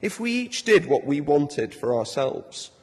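Guy giving a sermon, slow and husky, big churchy reverb. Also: fairly high pitch, big pitch swings. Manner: warm, conversational, self-deprecating humor. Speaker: preacher. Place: large church.

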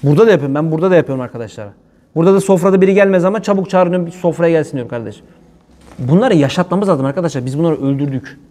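Guy doing a chatty religious talk, kinda high voice, cracks jokes, does little voices. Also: very fast. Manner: joking, lively, slips into playful quoted voices.

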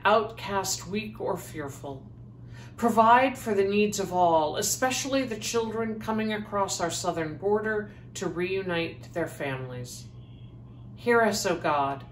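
Slow woman reading prayers in echoing church. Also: mid-range voice. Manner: measured, solemn reading. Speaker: lay prayer leader. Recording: echoey church space, faint background noise.

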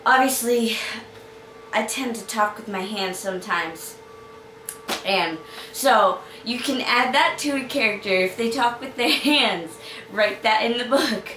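A woman's voice: mid-range voice, sharp tone, a little hiss or hum. A young woman with a slight Boston accent, an author giving chatty, upbeat writing tips with lots of fillers. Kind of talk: casual tutorial talk to camera. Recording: echoey room, mic at a distance.

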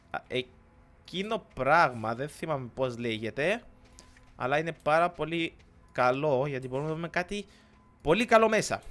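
A young man with a Cypriot Greek accent, giving casual let's-play commentary in an excitable, rambling way, often slipping in English words. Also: fairly high pitch. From Cyprus. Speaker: gaming YouTuber.

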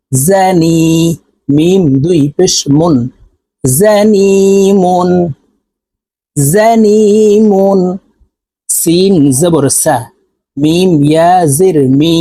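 A Bangladeshi man teaching Quran reading in a very slow, careful cadence. He spells each syllable, then sings out the full word. His voice sounds mellow and warm, recorded close and dry. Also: fairly high pitch, no echo. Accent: Bangladeshi Bengali. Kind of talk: slow spelling-out recitation lesson.

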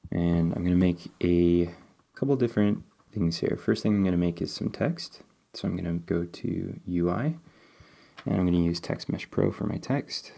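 While working on screen, a man narrates a game-development coding tutorial one step at a time, thinking aloud and using fillers in a relaxed way. His voice is low with vocal fry, his pace moderate, and he sounds sniffly from a cold he's recovering from.

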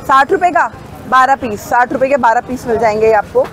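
A woman's voice: high-pitched, a little fast, a bit bright, slight background noise, rough recording. A woman filming a walking tour of an outdoor wholesale market on her phone, chatting to viewers about prices and bargaining with sellers. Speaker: shopping vlogger.

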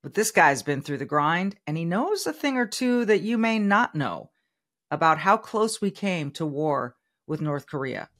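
A woman's voice: on the low side, very animated, unhurried, fairly bright tone. Woman, middle-aged, podcast host, upbeat, conversational, studio mic, home office. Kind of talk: interview podcast intro. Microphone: studio microphone on arm.

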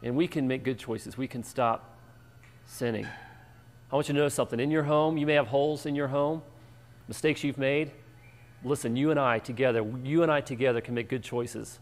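A man preaching as pastor and show host, telling stories with animated emphasis. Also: mid-range voice, brisk. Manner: animated storytelling, lively and emphatic. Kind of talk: energetic sermon. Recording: echoey church hall.

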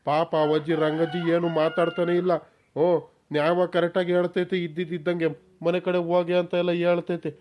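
A man's voice: a little high, fairly quick, dull audio, a little hiss or hum, natural voice. A man voicing a timid village man in a cartoon, who mutters nervous asides to himself and pleads his innocence. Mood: pleading. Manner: nervous muttering asides, flattering when addressing the granny. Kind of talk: cartoon voice acting.

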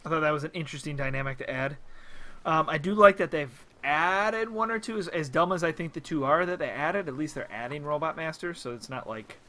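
A young man chats casually while streaming a video game, excitable and yelping whenever something in the game surprises him. His voice is a little high and brisk, with slight background noise.

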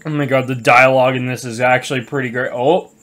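A woman commentating casually over a video game she is playing, reacting out loud, laughing and swearing freely. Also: rumbling low, fairly even intonation, fast. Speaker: let's play gamer.

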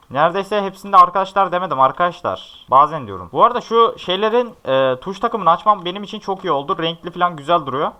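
A young man commenting live on a game as he plays, talking to his viewers, often shouting at opponents and then chatting in quick asides. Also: a little high, dull audio. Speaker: gaming YouTuber.

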